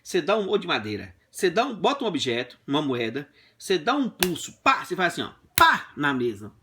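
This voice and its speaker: A man teaching a physics class in a classroom, explaining with playful, animated stories. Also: on the high side, quick pace, background noise. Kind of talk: lively classroom lesson with comic anecdotes. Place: classroom with a whiteboard.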